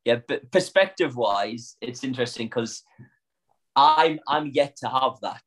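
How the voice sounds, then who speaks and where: A man's voice: mid-range voice, a little slow, fairly bright tone, breathy edge. A young man with a Northern English accent, an actor chatting casually and reflectively about his work. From Northern England. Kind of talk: casual chat.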